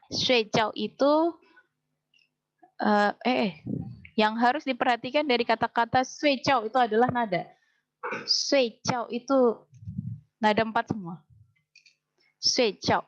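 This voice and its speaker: A woman teaching a language class. She explains things patiently, slows right down to drill phrases, and keeps quizzing her students. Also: fairly high pitch, dull audio. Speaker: Mandarin teacher.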